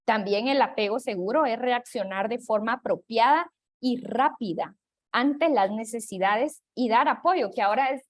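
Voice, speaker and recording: A woman's voice: fairly high pitch, moderate pace. A woman giving a talk on child attachment, acting out parents' voices and checking in with "¿sí?". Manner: acts out parents' voices, asks listeners "¿sí?". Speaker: parenting educator.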